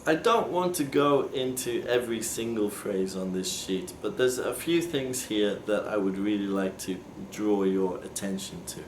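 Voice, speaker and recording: A man teaching English phrases, explaining slowly and patiently and acting out example questions. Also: fairly low pitch, animated, slight background noise. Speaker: language teacher. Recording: echoey room with faint ambience.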